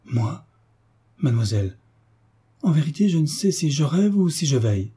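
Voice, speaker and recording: A man's voice: fairly high pitch, very animated, moderate pace, mellow, husky, full character voice. A man voicing a devoted, fawning governess in an audiobook, fussy and deferential. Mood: flustered. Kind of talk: audiobook character reading.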